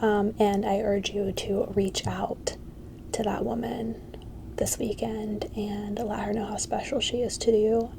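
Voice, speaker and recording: A woman giving a whispered ASMR pep talk, soft and halting, reassuring and encouraging. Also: medium pitch, little pitch movement, creaky, slight background noise. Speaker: ASMR creator.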